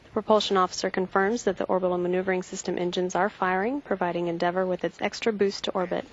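A woman giving measured, factual live launch commentary from mission control. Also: fairly low pitch, little pitch movement, husky. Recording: dull broadcast feed, faint noise.

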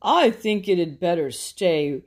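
A woman reading a storybook aloud and voicing a mighty lion king who speaks calmly and kindly. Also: fairly low pitch, slow pace.

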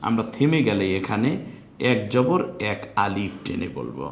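A man's voice: on the low side, big pitch swings, gravelly, soft background music. Bangladeshi man teaching Quran recitation, echoey. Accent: Bangladeshi Bengali. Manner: explains slowly, then draws out sung example words. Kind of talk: live online lesson. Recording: echoey room with faint noise.

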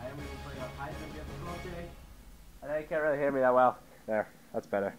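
Speaking fast in a voice on the high side, this Idaho teen talks over background music. He's a gaming YouTuber with a sore throat, offering rambling, casual commentary from home as he reads game settings into a headset mic with tangled cords.

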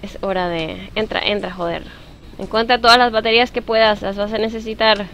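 A woman's voice: mid-range voice, fairly even intonation, brisk, fairly bright tone, highs cut off, slight background noise. A young woman streaming a horror game live, scared and jittery, greeting her viewers as she plays. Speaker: gaming streamer.

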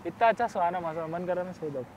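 High-voiced young man, pushy mock romance. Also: very fast. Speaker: prankster. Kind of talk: hidden-camera prank banter. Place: outdoors in the rain. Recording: noisy outdoor street recording.

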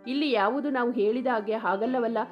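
A woman's voice: on the high side, fast, dull audio, faint music behind, close to an everyday voice. Tender older mother, read by a woman. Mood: affectionate. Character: gentle grieving older mother.

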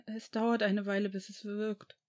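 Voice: medium pitch, lively intonation, normal speed, warm tone, lightly acted. A reader voicing a desperate, loyal young man in a fan audiobook, pleading and sobbing. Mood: tearful.

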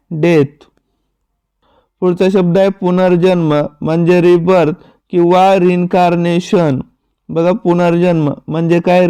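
A man teaching vocabulary in a slow, repetitive drill, saying each word, asking its meaning, then answering it himself. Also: high-pitched, mellow, smooth, no echo.

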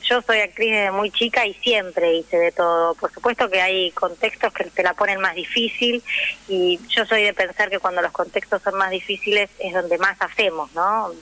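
An actress and radio drama teacher with a Rioplatense Argentine Spanish accent is a guest on a radio interview, talking conversationally and explaining things at length. Her voice is medium-pitched with a sharp tone, and the recording quality is low.

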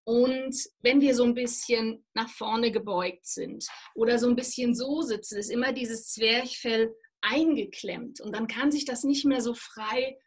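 Husky-voiced woman voice trainer explaining. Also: on the high side, measured pace. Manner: calm, instructive, demonstrates breathing. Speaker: voice and presentation trainer. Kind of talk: explanatory interview answers.

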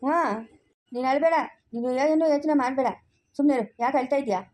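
A woman's voice: sits high, quick pace, warm tone, close to an everyday voice. A woman playing a stubborn young village man. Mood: insistent. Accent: rural Chikkaballapur Kannada. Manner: insistent, scolding. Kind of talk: village family skit.

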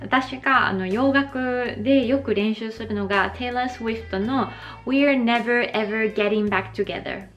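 A Japanese woman in her thirties giving a slow, careful pronunciation lesson, exaggerating her mouth shapes when she demonstrates sounds. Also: fairly high pitch, fairly bright tone. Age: 30s. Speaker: English pronunciation teacher. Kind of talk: slow explanatory vlog lesson.

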